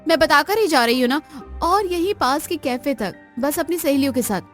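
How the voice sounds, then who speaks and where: A woman's voice: high voice, lively intonation, moderate pace, soft background music. A woman voicing a young, outspoken girl in a cartoon, pleading and indignant. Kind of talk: Hindi cartoon voice acting.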